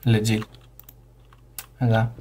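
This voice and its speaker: A man's voice: fairly low pitch, completely flat delivery, mellow, slight background noise. A man streaming a ghost-hunting game, chatting casually with a friend, jumpy and swearing constantly. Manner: jumpy, swears constantly, yelps when startled. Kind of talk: casual gaming chat with a friend.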